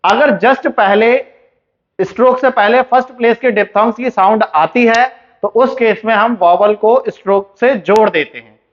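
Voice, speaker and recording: A man's voice: sits high, normal speed. A man teaching shorthand in a classroom lesson, explaining step by step and asking and answering his own questions. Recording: dull, muffled lo-fi recording.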